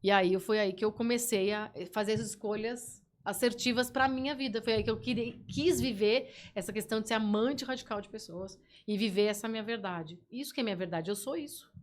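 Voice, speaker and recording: A woman, a guest telling stories in a playful, animated way. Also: medium pitch, fairly quick, few pauses. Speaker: podcast guest. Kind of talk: casual interview chat.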